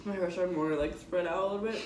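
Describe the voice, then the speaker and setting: A woman's voice: fairly low pitch, big pitch swings, normal speed, darkish tone. Young woman chatting thru an eating challenge, mouth full, voice jumps around a lot, roomy echo. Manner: joking, laughs a lot, talks with food in her mouth. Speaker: vlogger. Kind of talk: casual chat during an eating challenge. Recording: echoey room, distant mic, faint noise.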